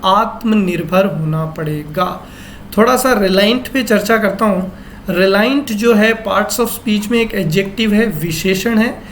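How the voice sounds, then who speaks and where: Slow, deliberate male grammar teacher. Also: high voice, slight background noise. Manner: asks questions and answers them himself; reads English lines slowly, word by word. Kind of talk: classroom lesson explaining a newspaper text.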